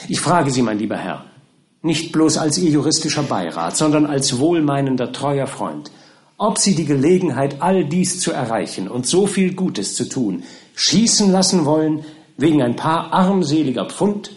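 A man voicing a shrewd middle-aged male lawyer, measured and earnest as he coaxes his client. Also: a little high, very animated. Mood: persuasive. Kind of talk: audiobook reading.

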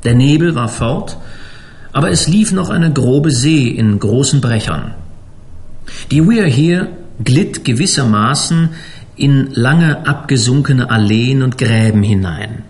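A man reading a story aloud as an audiobook narrator, expressive and measured. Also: mid-range voice. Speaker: audiobook reader. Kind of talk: scripted narration.

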